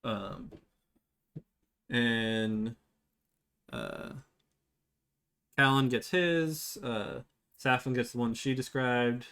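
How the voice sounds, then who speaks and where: A man narrating a tabletop game as game master, halting with many fillers and restarts. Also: mid-range voice, a bit bright, smooth.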